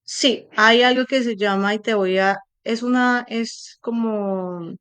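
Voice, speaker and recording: A young adult woman, an English teacher, giving animated, chatty advice with plenty of examples in an online class over a computer mic. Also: a little high, takes it slowly, clean tone.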